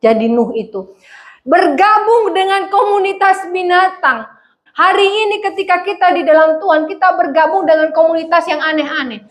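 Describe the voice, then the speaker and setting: A middle-aged woman pastor, preaching a lively conversational sermon and acting out voices. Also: extremely high pitch, normal speed. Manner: animated, acts out voices, laughs often.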